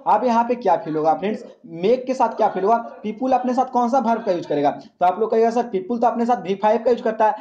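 Mellow-voiced man teaching grammar. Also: high voice, dull audio. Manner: repeats questions to the class, then answers them; calls listeners "friends" often. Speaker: English teacher. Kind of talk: exam-prep grammar lesson.

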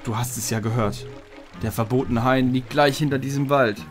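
A man's voice: mid-range voice, fairly even intonation, normal speed, close to an everyday voice. A man voicing a wise ancient male tree spirit from a video game, reading the lines in a stately, solemn manner with game music behind him.

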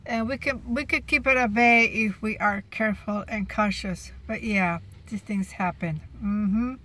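In a low-quality phone recording made at arm's length, a woman in her fifties sits in her parked car and chats about her day as a cashier. Her mid-range voice is a bit bright and moves at a measured pace over slight background noise. She frequently restarts what she's saying and laughs at gross moments, keeping the vlog chatty and casual.

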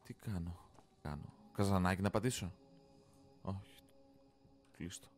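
A man hosting a gaming channel plays through a horror game, commenting casually, cursing often, and yelping whenever something startles him. His voice sits low, with faint music behind it.

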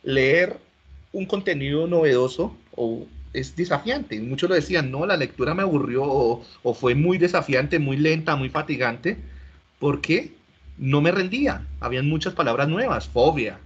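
Man, lecturer, husky, asks questions, lo-fi call audio. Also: fairly high pitch, expressive, normal speed. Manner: explanatory, asks students questions, frequent restarts. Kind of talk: online class lecture. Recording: dull lo-fi audio.

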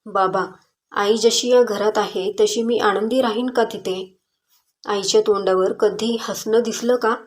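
A determined young woman in a storybook, standing her ground with firm, earnest words, as a woman narrator voices her. The pitch sits in the middle range for a woman. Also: steady tone, measured pace, close to an everyday voice.

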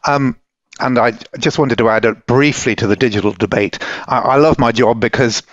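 A man's voice: medium pitch, moderate pace, dry recording, highs cut off. A man in his sixties giving an informal comment as a company chief on a video-call headset. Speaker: company founder and CEO. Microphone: headset boom mic on video call.

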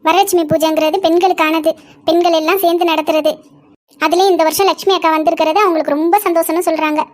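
A woman voicing a fierce, protective village mother-in-law who scolds fast in a cartoon. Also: very high-pitched, steady tone. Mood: scolding. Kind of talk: cartoon voice acting.

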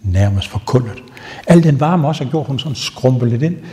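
Man telling ghost stories in a hall. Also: mid-range voice. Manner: lively storyteller, building suspense. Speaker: castle tour guide. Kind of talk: ghost-story guided tour. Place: castle rooms and wine cellar, indoors. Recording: long reverb in a stone castle room.

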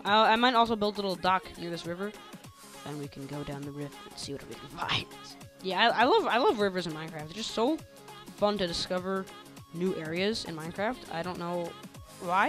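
A man's voice: high-pitched, fairly bright tone. A teenage boy giving casual, goofy gameplay commentary and chatting to his viewers as he plays. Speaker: gaming channel host.

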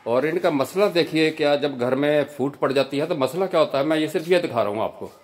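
A man's voice: on the high side, a little fast. A man with a Punjabi accent giving a walking report outdoors at a village house, earnestly pointing things out and repeating himself, recorded on the camera mic. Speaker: social video reporter.

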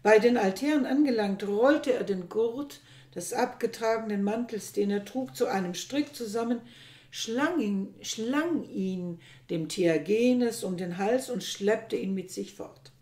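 A woman narrating an audiobook reading of a classic novel in a steady storytelling manner. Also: a little high, a little slow. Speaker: reader. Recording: echoey room.

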